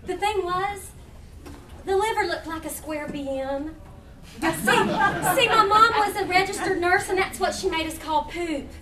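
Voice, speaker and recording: At an indoor live reading, a woman humorist from Huntington, West Virginia shares her writing with folksy, playful storytelling and conversational asides. She speaks a little slowly in an extremely high pitch over a loud crowd, recorded from a distant mic in an echoey room with faint noise.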